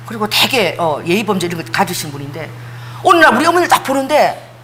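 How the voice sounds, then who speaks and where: Lively woman preaching a sermon. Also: on the high side. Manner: animated storytelling with acted quotes and tongues.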